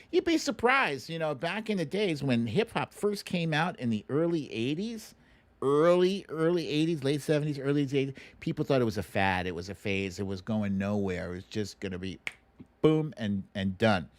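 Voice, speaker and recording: On a dry recording, a medium-pitched voice belongs to a middle-aged American livestream host. His talk is casual and full of opinions, and he frequently repeats words to stress a point.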